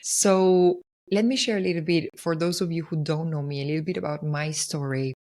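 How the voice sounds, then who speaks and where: Low-voiced woman from Argentina hosting a podcast. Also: steady tone, moderate pace, warm tone. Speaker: podcast host. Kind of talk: personal storytelling monologue.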